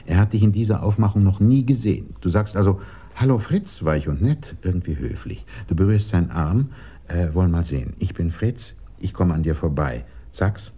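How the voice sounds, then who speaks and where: A man's voice: deep voice, expressive, brisk, dark tone, breathy edge. An actor playing a scheming man who commands and instructs others at length, in a 1980s radio drama. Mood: coaxing.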